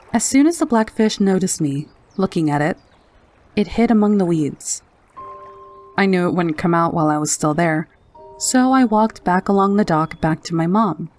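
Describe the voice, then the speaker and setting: A woman with a slightly low voice narrates a scary story in the first person. Her delivery is measured and haunting, like scripted horror narration. Soft music plays behind her. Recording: narration over background music.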